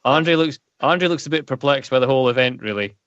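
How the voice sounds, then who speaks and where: A man's voice: medium pitch, fairly quick, fairly bright tone, no room sound, lo-fi sound. A man chatting casually about wrestling as a podcast panellist.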